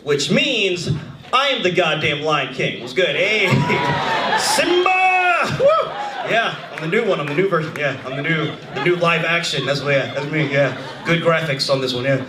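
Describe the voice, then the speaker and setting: A man in his thirties doing a stand-up comedy set, animated and shouting his punchlines. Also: a little high, normal speed, heavy background noise. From United States. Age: 30s. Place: comedy club stage before a live audience. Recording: roomy club with crowd laughter. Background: audience laughing.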